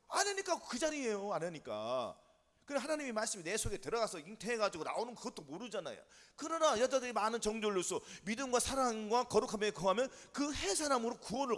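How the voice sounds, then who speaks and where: A man's voice: very high voice, in a large hall. A male pastor, preaching a sermon that drills the congregation with back-and-forth questions. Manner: drilling call-and-response questions. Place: church sanctuary.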